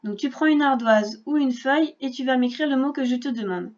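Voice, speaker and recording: A woman teacher giving a recorded reading lesson to a young child, speaking slowly with careful articulation and addressing the child directly. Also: high voice, a little mellow, muffled recording. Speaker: primary school teacher.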